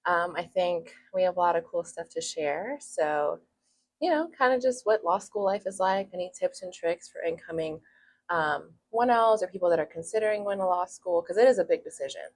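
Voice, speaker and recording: A woman's voice: on the low side, animated, moderate pace, low-quality recording. A young woman from Hungary, a law student hosting a casual interview, chatty with frequent laughs and fillers.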